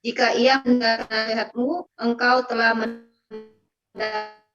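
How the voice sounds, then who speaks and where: A woman reading a Bible passage aloud over a remote video call, her voice cutting in and out as the connection breaks up. She reads haltingly and drags out words. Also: fairly high pitch, level tone, over music. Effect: choppy, breaking-up online call audio. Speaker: congregation member reading scripture. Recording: dull lo-fi audio from a distance.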